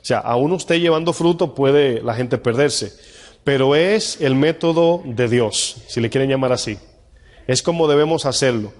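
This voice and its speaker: Pastor, male, mid-pitched, conversational teaching sermon, long hall reverb. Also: normal speed. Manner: conversational teaching, asks the congregation questions. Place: church hall with live congregation.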